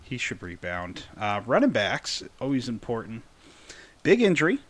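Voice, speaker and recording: A man's voice: medium pitch, huge pitch swings, normal speed. A man hosting a casual sports talk, joking and conversational. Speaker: podcast host.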